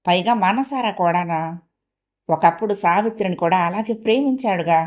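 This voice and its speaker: A weary older sister, voiced by a woman reading an audio story. She asks dry, sceptical questions in an even, mid-pitched voice. She sounds tired and ironic. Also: normal speed, natural voice.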